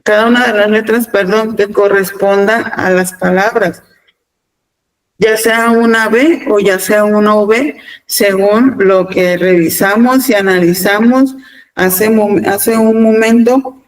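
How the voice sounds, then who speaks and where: A Mexican woman teacher giving a virtual class, talking deliberately and often repeating words and pausing with fillers. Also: mid-range voice, poor audio. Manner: deliberate, repeats words, fills pauses with "este". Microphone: video call.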